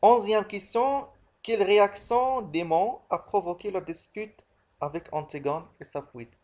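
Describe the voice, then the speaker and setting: A man with a slightly high voice gives a literature lesson. He explains in a didactic manner, posing questions and answering them himself. He often repeats key phrases to make them clear. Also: measured pace, a little mellow. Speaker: literature teacher.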